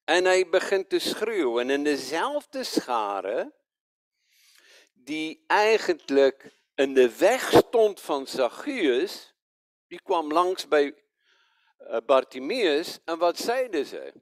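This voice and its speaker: Male preacher, lively pitch, slow deliberate delivery, dry close sound, rhetorical questions. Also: no echo. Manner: animated, rhetorical questions to the congregation; stumbles over names, self-corrects. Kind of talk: sermon.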